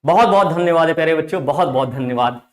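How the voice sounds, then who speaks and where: A man's voice: fairly high pitch, quick pace, reverberant. A man teaching an online class, talking emphatically and repeating his phrases as he addresses the students. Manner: emphatic, repeats phrases, often calls listeners "dear children". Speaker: online tutor.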